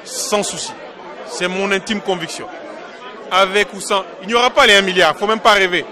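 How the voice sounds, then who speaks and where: A man's voice: high-pitched, normal speed, sharp tone, a faint crowd. A man from Congo, a diaspora political activist, answering interview questions in an emphatic, insistent way and repeating his points.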